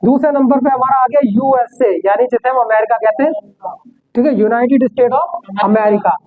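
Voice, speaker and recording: A man's voice: very high-pitched, moderate pace. A man teaching an English class, explaining step by step and answering his own rhetorical questions. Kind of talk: classroom lecture. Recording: tinny phone-like sound.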